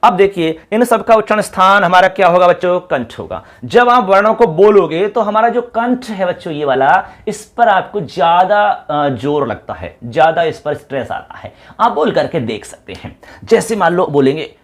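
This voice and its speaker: Lively male teacher quizzing students. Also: sits high, moderate pace, few pauses. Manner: lively, repeats call-and-response questions to students. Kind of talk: classroom lesson.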